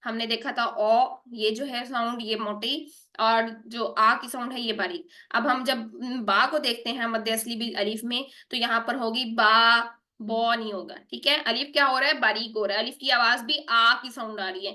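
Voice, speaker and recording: A woman leads an online Quran recitation lesson in a bright, clear voice that sits a little high. She talks patiently, keeps checking in with her students and drags out the sounds she is modelling. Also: steady tone. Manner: patient, repeats "theek hai" and models sounds slowly.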